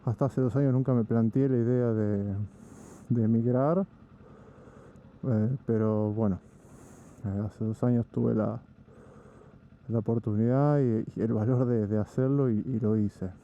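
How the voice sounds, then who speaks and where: A man from Argentina with an Argentine Spanish accent, narrating a casual vlog while driving, in a relaxed, rambling way with frequent restarts. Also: medium pitch, a little slow, pauses often, highs cut off. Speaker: vlogger. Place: in a vehicle on the road.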